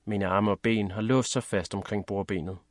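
A man narrating a first-person story in a measured, steady reading. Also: lowish voice, no echo, studio quality. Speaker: audiobook narrator.

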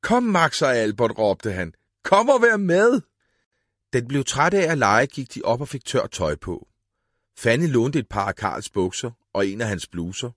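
A man narrating a children's book as an audiobook, in a calm storytelling manner. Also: fairly low pitch, dry recording, clean studio sound.

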